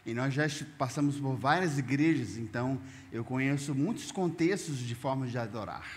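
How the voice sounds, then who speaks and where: A man's voice: mid-range voice, moderate pace. A man working as the interpreter, repeating a preacher's phrases in the first person and sometimes restarting mid-phrase. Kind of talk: consecutive interpretation of a sermon. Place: church hall. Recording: echoey church hall, faint noise.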